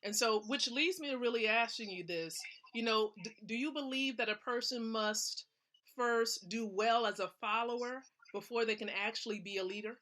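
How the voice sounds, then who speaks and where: A woman hosts a nightly live stream from home, talking to viewers in an upbeat, energetic, encouraging way and laughing often. Her voice is fairly high and her pace moderate.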